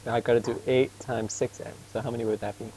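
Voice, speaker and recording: With a flat delivery in a mellow, medium-pitched voice, a man gives an informal math tutoring lesson. He is casual and patient, questions his student while he works, and concedes he speaks fast, all in a low-quality recording with slight background noise.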